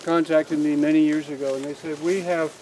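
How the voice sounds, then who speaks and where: An older man speaks fairly quickly in a fairly high, level, mellow voice while giving a group a casual outdoor tour of his farm. A little hiss or hum marks the rough recording from a camera amid the standing group, and his talk wanders with frequent restarts and fillers.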